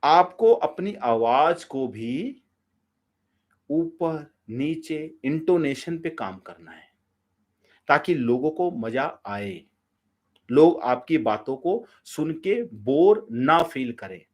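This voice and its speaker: A man coaching public speaking in a live session, energetic and direct, giving step-by-step instructions and talking to listeners as friends. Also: fairly high pitch, slow pace.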